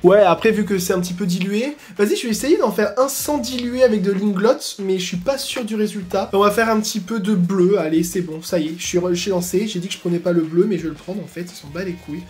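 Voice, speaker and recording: Excitable slangy man chatting through makeup. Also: high-pitched, quick pace, few pauses, soft background music. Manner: excitable, slangy, bursts into exclamations. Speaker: beauty YouTuber. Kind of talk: casual makeup tutorial chat.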